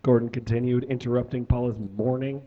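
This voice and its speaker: A man doing a comedic live reading on stage into a microphone, theatrical with loud bursts of emphasis. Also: medium pitch, little pitch movement, brisk, narrow, tinny audio. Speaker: live show performer. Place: stage before a live audience.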